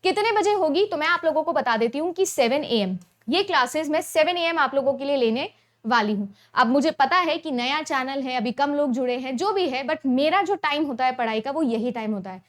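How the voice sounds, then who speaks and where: A woman's voice: high voice, brisk. A young woman teaching an exam-prep lesson, explaining step by step and often checking in with her students. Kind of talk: Hindi-English mixed lecture.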